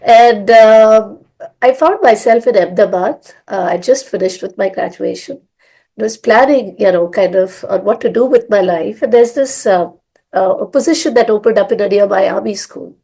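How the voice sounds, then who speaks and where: Her hoarse voice is mid-range with a warm tone and normal speed as this Indian guest, a middle-aged founder of a language school, recounts her life story. The telling is conversational, meandering and filled with fillers.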